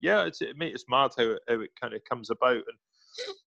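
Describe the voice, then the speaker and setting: A man in his forties with a Highland Scottish accent, chatting informally as a podcast guest in a matey, self-deprecating way. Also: sing-song, moderate pace, gravelly, sharp tone, no room sound, dull audio. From Highlands of Scotland, near Inverness. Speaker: podcast guest, military veteran. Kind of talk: casual chat, personal storytelling.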